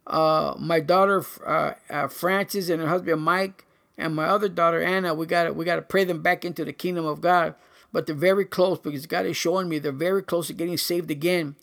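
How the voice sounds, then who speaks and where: An older man giving a personal church testimony, earnest and halting, with many pauses and fillers. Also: sits high, gravelly, a bit bright.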